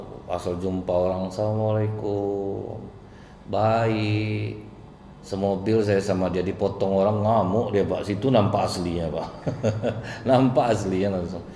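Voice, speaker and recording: A man preaching a sermon, telling stories and calling out to the audience as Pak and Bu, swinging between soft asides and loud outbursts. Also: low-pitched, a little hiss or hum. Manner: storytelling, often addressing the audience as Pak and Bu. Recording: echoey hall, faint ambience.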